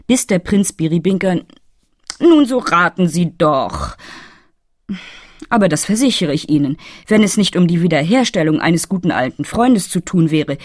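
A woman's voice: lowish voice, darkish tone, dry recording, studio quality, natural voice. A woman voicing a coy, flirtatious female fairy who talks around things in an audiobook. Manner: coy, roundabout, fussing. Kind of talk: audiobook reading.

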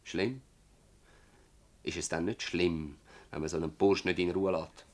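Playing a bitter, obstinate old villager who farms, the actor rambles and hammers his points with repetition in a Swiss German dialect radio play. His male voice is low-pitched, fairly even, measured in pace, and darkish in tone, carrying indignation.

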